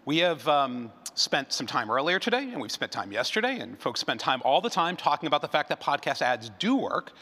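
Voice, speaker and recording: A male advertising researcher presents at a live event in a large, reverberant hall. His fairly high voice swings widely in pitch, and he talks briskly and sharply with few pauses, conversational and often doubling back on his phrases.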